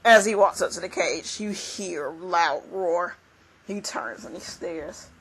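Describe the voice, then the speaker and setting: Husky roleplay narrator, steady and matter-of-fact. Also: mid-range voice, a little slow, rough recording. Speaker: game master. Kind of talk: narrating a tabletop-style roleplay.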